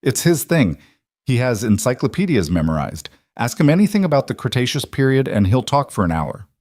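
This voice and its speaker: A man voicing a calm, reserved rich father. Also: medium pitch, brisk, dry recording, voice pushed up. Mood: warm. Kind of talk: dramatized story reading.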